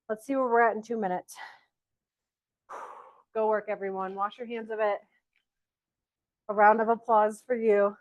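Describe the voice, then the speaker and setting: A woman with a Southern accent leading a workout class as fitness coach, out of breath, counting down and pushing her class on with energetic encouragement. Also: fairly high pitch, rough recording. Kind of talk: live workout class cues.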